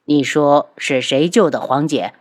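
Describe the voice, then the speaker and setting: A woman's voice: sits low, measured pace, voice pushed down. A woman voicing a cold, proud young prince in an audiobook, speaking sternly.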